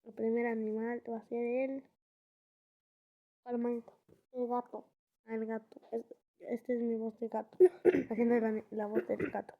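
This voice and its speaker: A woman chatting casually as a vlogger, halting and often restarting her sentences. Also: fairly high pitch, flat delivery. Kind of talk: casual chat. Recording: tinny phone-like sound.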